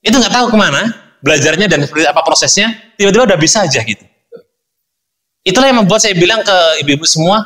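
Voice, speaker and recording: Bright-voiced male preacher telling stories. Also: sits high. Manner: animated storyteller, acts out dialogue, addresses congregation often. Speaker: Islamic preacher. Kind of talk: sermon with personal storytelling.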